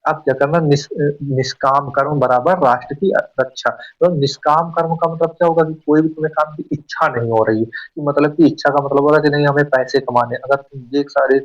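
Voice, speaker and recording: Guy rushing through an exam prep lesson, keeps asking then answering himself, kinda far from the mic, dull sound. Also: fairly high pitch, fairly even intonation. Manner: fast, chatty, often asks and answers own questions. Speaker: exam coaching teacher. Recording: dull, slightly distant mic.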